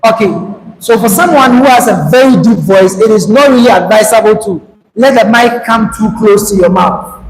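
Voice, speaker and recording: A male public speaking trainer with a very high, light voice lectures students in a workshop at a moderate pace. He is direct and coaching, urging the group to hurry. He uses a handheld microphone, and the hall adds long reverb over faint background noise.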